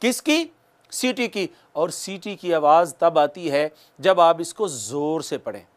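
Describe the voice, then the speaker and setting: A man teaching Quran recitation, patiently correcting and chanting drawn-out demonstration words for students to repeat. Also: on the high side, lively intonation. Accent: Pakistani Urdu. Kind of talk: recitation lesson with call-and-repeat.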